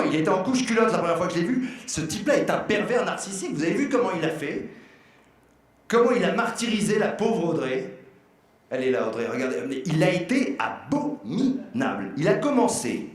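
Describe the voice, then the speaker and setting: A man giving a comic roast of contestants on stage, rambling and mock-outraged, swinging between loud outbursts and mutters. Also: high-pitched, sing-song, normal speed. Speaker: jury member roasting contestants. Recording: very echoey hall.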